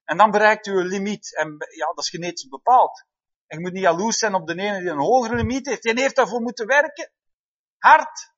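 Male pastor, higher voice, animated sermon style with frequent amens, dull lo-fi recording. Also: a little fast. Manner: lively, calls out "amen" and "hè?" to the congregation. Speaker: preacher. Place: church hall before a congregation. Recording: dull, slightly lo-fi sound.

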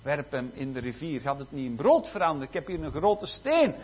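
A man's voice: on the high side, big pitch swings, brisk, pitched below the performer's own voice. A man voicing a confused, hungry disciple who questions his master. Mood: puzzled. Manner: puzzled questioning. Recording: dull lo-fi recording.

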